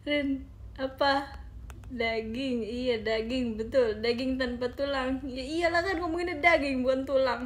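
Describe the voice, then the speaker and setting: This young woman has a high, steady voice and talks slowly, pausing often. She's casually chatting on a phone live stream from home, giggling, reading viewers' comments aloud, and repeatedly saying "guys."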